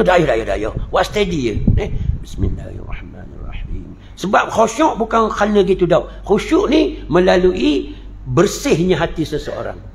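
A man's voice: sits high, gravelly, background noise. A man with a Terengganu Malay accent, a religious teacher giving a humorous lecture, joking and telling stories in dialect between points of teaching. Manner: joking, storytelling, playful dialect asides.

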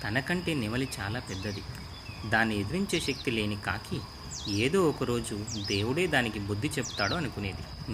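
A man narrating a children's story in a clear, measured storytelling manner. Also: mid-range voice. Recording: noisy with insect and bird ambience.

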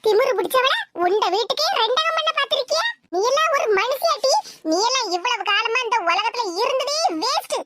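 Woman doing a shrill scolding mother-in-law. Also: lively intonation, a little fast, heavy background noise. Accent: Tirunelveli Tamil. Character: scolding sharp-tongued village mother-in-law. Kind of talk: cartoon voice acting.

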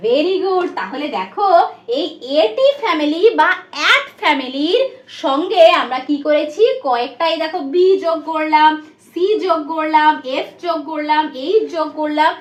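Bengali woman teacher, super high voice, coaxing kids in a sing-song way, echoey classroom. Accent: Bengali, from West Bengal. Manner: sing-song, coaxing questions with frequent "tai to?" prompts. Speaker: primary teacher giving a demo class. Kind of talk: demo class teaching English words to small children.

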